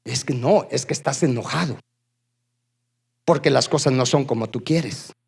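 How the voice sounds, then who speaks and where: A man preaching a sermon to a congregation. He keeps asking the room questions and calling for responses, swinging between loud bursts and low asides. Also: normal speed, creaky, husky. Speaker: pastor. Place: church.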